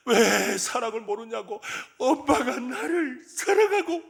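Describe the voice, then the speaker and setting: A man's voice: very high voice, moderate pace, pushed and bright, voice pushed up, full character voice. A male pastor voicing a frustrated little boy who pleads and cries out, repeating the same words over and over. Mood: crying out.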